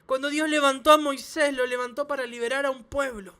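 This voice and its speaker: A man, a pastor, preaching a sermon to his church with emphatic repeated phrases and quick restarts. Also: very high voice, fairly even intonation, sharp tone. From Chile. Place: church service.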